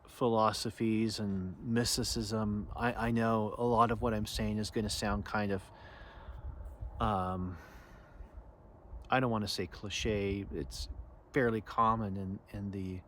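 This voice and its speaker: A man's voice: on the low side, slight background noise. A man giving an unscripted spiritual talk as teacher, earnest and reflective, often restarting and searching for words. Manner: halting and searching, frequent restarts and "you know".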